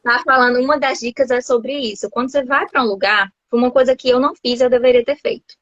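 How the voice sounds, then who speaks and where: A woman's voice: high-pitched, steady tone, quick pace, fairly bright tone, dry recording, highs cut off. A woman from Brazil chatting casually over a video call, laughing often and restarting her sentences. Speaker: host, English teacher living abroad.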